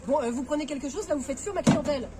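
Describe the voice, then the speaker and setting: A high-voiced woman acting out a comedy sketch, brisk and exasperated as she snaps back at customers. Her lines come quick and sharp. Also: background noise.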